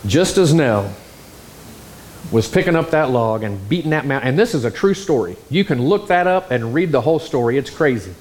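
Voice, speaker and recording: A man preaching a sermon, telling a story in an animated, exclamatory way. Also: mid-range voice, quick pace, hardly any pauses. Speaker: pastor.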